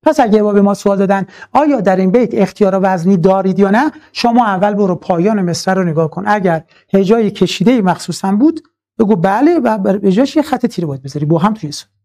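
A man's voice: high voice, expressive, warm tone. Man teaching a recorded online class. Patient and methodical, repeats key terms and addresses students as dear ones. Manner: slowly chants verse lines when reciting.

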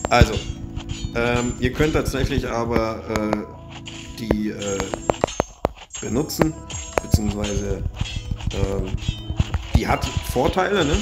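A man giving excitable, casual commentary over his own mobile game, swearing often and filling pauses with "ähm" and "ne". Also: mid-range voice. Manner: excitable, swears a lot, frequent fillers. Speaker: gaming YouTuber. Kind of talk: live gameplay commentary.

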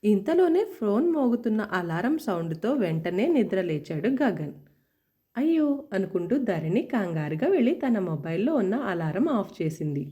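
Expressive woman storyteller, mellow tone. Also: mid-range voice, moderate pace, few pauses. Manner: expressive, lively reading. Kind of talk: scripted story narration.

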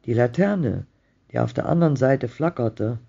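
Ein Mann, der ruhig und spannungsvoll eine Gespenstergeschichte vorliest. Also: male voice, medium pitch, animated, normal speed, vocal fry, dark tone, breathy edge. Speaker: reader of a ghost story. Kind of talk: slow storytelling reading. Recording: dull muffled home recording.

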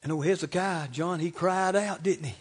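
Fervent high-voiced preacher. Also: male voice, normal speed. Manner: fervent, calls for amens, swings from loud to hushed. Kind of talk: sermon. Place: church sanctuary.

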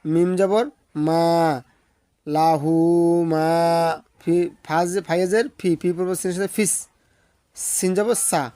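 Bangladeshi guy teaching recitation, spells everything out slow and patient, draws the words out singsong, voice on the higher side, dry no room sound. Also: steady tone, warm tone, no room sound. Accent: Bangladeshi Bengali. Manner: slow sing-song drawn-out recitation of words; patient methodical letter-by-letter spelling.

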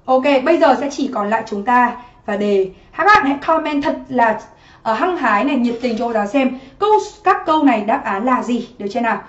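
A woman's voice: a little high, animated, a little fast, fairly bright tone. A woman teaching a livestream exam-prep lesson from her home office, chatty and constantly asking students to comment. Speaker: English teacher. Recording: muffled roomy livestream audio.

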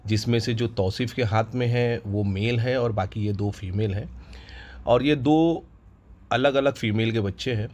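A man who owns a goat farm walks viewers through his new stock in an unhurried, casual way with many hesitations, recorded on a handheld phone outdoors in the farm yard. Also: medium pitch. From India. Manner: relaxed, unhurried, with frequent hesitations. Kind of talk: casual promotional farm tour.

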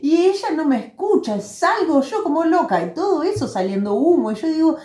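A woman co-hosting a podcast, telling a story in a playful, animated way. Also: sits high, brisk. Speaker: podcast co-host. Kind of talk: casual podcast chat. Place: room at home. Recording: echoey room at home.

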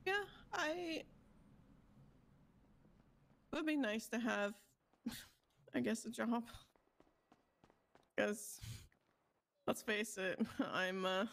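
A woman's voice: a little high, very slow, long pauses, fairly bright tone. A woman chatting casually in character during a game role-play, rambling loosely with light giggles.

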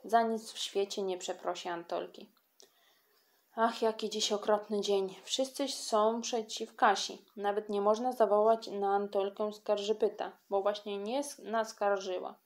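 A woman reading a children's audiobook with lively, expressive storytelling. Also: medium pitch, unhurried. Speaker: audiobook reader.

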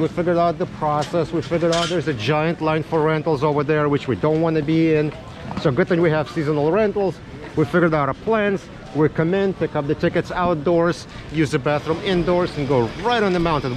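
A man's voice: on the high side, a little fast. A man filming a casual family ski vlog outdoors on the slopes, easygoing and chatty, cheering the others on. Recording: wind noise on outdoor camera mic.

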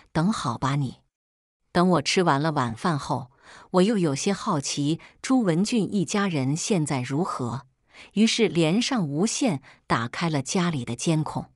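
A woman's voice: low-pitched, dry recording, clean studio sound. A woman narrating a first-person family drama story, shifting into character voices for the quoted dialogue.

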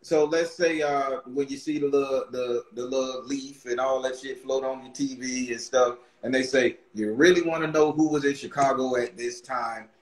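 Hosting a casual video-call interview, a Barbadian man in his thirties, a podcast host and tarot reader, rambles, repeats words and restarts excitedly with few pauses. His mid-range voice moves at a moderate pace through a webcam in an echoey room with a brick wall backdrop, and the audio is poor.

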